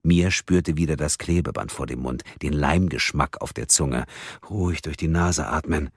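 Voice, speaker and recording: A man narrating an audiobook in a measured storytelling manner. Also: very deep voice, breathy edge, dry recording, clean studio sound.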